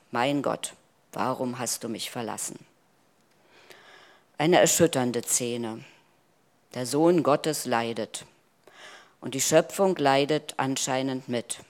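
A man preaching a sermon in a solemn, measured way with dramatic pauses. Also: medium pitch.

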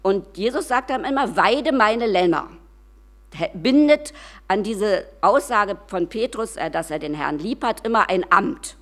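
A woman giving a personal devotional sermon, speaking conversationally and often tagging "ne" onto her sentences. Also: expressive. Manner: conversational, often adds tag question "ne"; slows and lowers voice for quiet reflective passages.

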